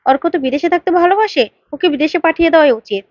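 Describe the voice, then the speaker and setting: A woman's voice: extremely high pitch, animated, racing, no room sound, dull audio. A woman voicing a scheming man in a retold serial, speaking curtly and with smug suspicion. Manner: suspicious, curt then smug. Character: scheming adult male family friend.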